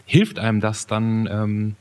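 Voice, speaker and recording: A man's voice: on the low side, completely flat delivery, slow, darkish tone, clean tone. A man hosting a podcast conversation, thoughtful, with stammering restarts.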